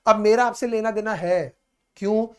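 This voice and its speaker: A man teaching a commerce lesson, explaining patiently, repeating key points and reading definitions slowly. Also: high voice, fairly even intonation, clear, resonant tone. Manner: patient, repetitive explaining, calls students "beta"; reads English definitions slowly and deliberately. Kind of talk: classroom lecture in mixed Hindi and English.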